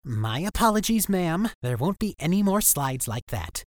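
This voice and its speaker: A man's voice: a little high, big pitch swings, normal speed, dry recording, clean studio sound, pitched above the performer's own voice. A man voicing a whiny, pompous middle-aged male teacher with a grating voice and formal, announcing delivery. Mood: stern.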